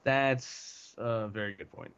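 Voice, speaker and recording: A man's voice: fairly low pitch, takes it slowly, a bit bright, clean tone, lo-fi sound. A young man co-hosting a card review in an easygoing, agreeable way, often trailing off mid-thought. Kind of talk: casual chat.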